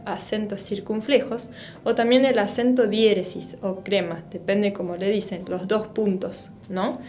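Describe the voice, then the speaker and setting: Woman teacher, unhurried and methodical, middle pitch. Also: darkish tone. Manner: slow, patient, spells out each letter. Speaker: French teacher. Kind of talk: recorded language lesson.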